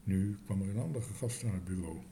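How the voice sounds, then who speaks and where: A man reading a children's story aloud in a lively, expressive way. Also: low voice, fairly quick, creaky, a little hiss or hum.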